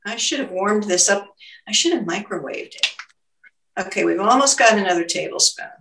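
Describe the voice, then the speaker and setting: A woman's voice: medium pitch, animated, fairly quick, creaky, fairly bright tone, a little hiss or hum. An older woman hosting a casual home cooking demonstration, explaining each step aloud as she works. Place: home kitchen, indoors. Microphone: camera mic at a distance. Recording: echoey kitchen, distant mic.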